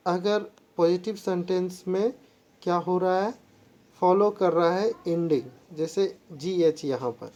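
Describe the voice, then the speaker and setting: Woman, grammar teacher, low-pitched voice, unhurried pace, spells out words. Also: warm tone, dull audio. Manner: mixes Hindi and English, spells words out letter by letter; slow, halting delivery when reading English rules. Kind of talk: classroom-style lesson explanation.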